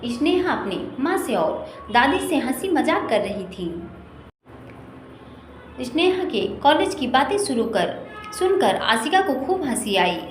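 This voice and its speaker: A woman reading a family story aloud as a storyteller, steady and expressive. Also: high-pitched, measured pace. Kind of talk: storybook narration. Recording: echoey room with faint noise.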